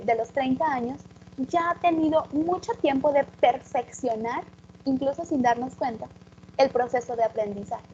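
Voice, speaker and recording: A woman's voice: fairly high pitch, a little mellow, dull audio, slight background noise. A woman, an English teacher giving a public talk and explaining things directly to her audience.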